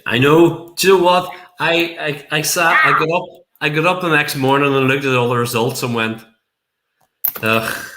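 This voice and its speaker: A man's voice: on the high side, moderate pace, few pauses, sharp tone, a little hiss or hum. A Northern Irish man speaking as a podcast guest in a casual wrestling discussion. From Northern Ireland. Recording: echoey room.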